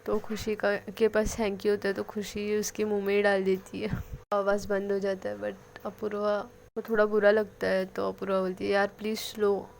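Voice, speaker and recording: A woman's voice: mid-range voice, completely flat delivery, moderate pace, creaky, a little mellow, a little hiss or hum. A woman storyteller narrating an episode of a serialized love story in plain, casual speech.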